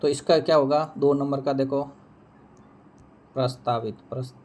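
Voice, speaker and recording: A man's voice: medium pitch, steady tone, a little slow, darkish tone. A man teaching Hindi, walking through an exam answer key, who repeats each answer and asks and answers his own questions.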